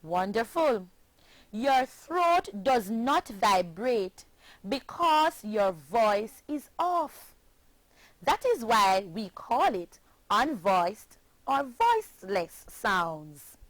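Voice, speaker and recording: Slow, careful Jamaican woman teacher. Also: mid-range voice, no room sound, poor audio. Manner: careful, over-articulated, encouraging. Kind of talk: slow, clearly paced phonics lesson.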